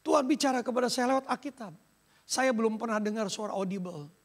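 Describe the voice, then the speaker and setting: In a church sanctuary, a man from Indonesia delivers a sermon as pastor, speaking fast and emphatically and dropping in English phrases. His voice is very high-pitched.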